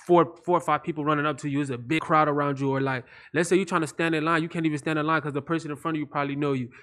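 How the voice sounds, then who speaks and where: A young man of about twenty with a slightly high voice, telling stories in a relaxed, slangy casual chat. He drifts from one thought to the next in an easy, unhurried way. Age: 20s. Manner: laid-back storyteller, slangy.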